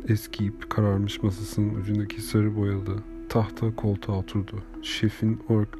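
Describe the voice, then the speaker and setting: Low, flat-voiced male audiobook narrator. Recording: reading over clear background music.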